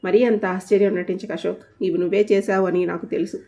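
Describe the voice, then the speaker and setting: Woman doing a tearful young woman, accusing, storybook, mellow tone, muffled lo-fi audio. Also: mid-range voice, flat delivery, fast, natural voice. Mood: hurt. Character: grieving young woman, hurt and furious.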